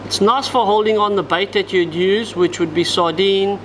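A man's voice: high-pitched, steady tone, moderate pace, a bit bright, slight background noise, low-quality recording. Man demonstrating knots in a tackle shop. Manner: step-by-step, talks while working with his hands. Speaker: fishing tackle instructor. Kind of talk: hands-on tutorial demonstration. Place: indoor tackle shop, at a table.

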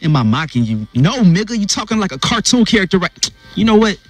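A man's voice: high voice, very animated, fast talker, no room sound. [name], a man voicing a flustered cartoon bear. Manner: flustered, stammering, joking. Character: flustered horny young male college bear.

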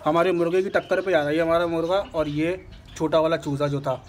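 Male vlogger, chatty and talking to viewers while working, slightly high voice, noisy outdoor phone recording. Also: steady tone, quick pace. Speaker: bird keeper vlogger. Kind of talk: casual vlog narration. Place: rooftop kitchen and bird pens, outdoors. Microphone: handheld phone camera.

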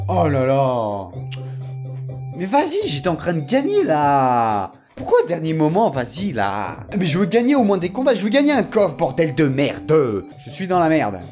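A man with a high, very lively voice narrates his own mobile game matches live, rattling off excited commentary. He groans, swears and shouts at the game as he plays. Faint music runs underneath. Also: measured pace. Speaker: gamer streaming a mobile game tournament.

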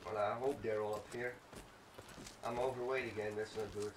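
A gaming video host gives casual let's play commentary, swearing and muttering as he reacts to the game. His lowish voice holds a steady tone at normal speed. The mic sounds roomy and distant, with clear background noise.

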